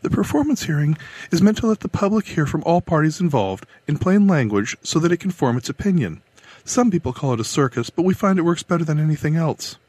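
Guy doing a brisk lady court clerk, clipped and bossy, pitched way up. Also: very animated, a little mellow, husky, no room sound. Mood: brisk, instructive. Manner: curt, instructive, hurried.

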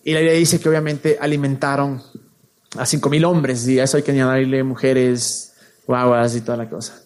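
A man preaching a casual, slang-filled sermon, retelling a Bible story with lively acted-out quotes. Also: mid-range voice, a little fast. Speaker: youth pastor.

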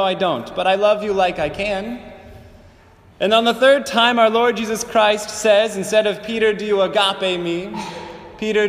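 A man's voice: high-pitched, fairly bright tone. Man's voice in a cathedral echo. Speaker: priest. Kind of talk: gospel reading and homily. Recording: echoey church with long reverb, faint hiss.

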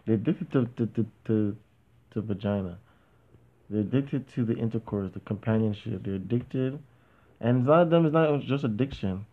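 A man's voice: lowish voice, normal speed. A man co-hosting a casual talk show, rambling and argumentative, with lots of "you know what I mean" asides. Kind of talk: casual conversation. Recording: tinny phone-like audio.

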